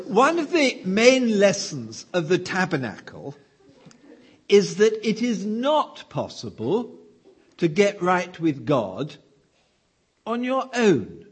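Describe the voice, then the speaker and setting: A man's voice: high-pitched, husky. A man giving a sermon in a conversational way, asking the listeners questions and telling a story. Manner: conversational, asks the room questions. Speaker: preacher.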